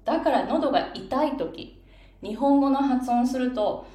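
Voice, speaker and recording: A woman's voice: sits high, lively intonation, a little slow, mellow, roomy sound. A woman pronunciation coach giving a casual spoken lesson and pointing to parts of her face as she explains.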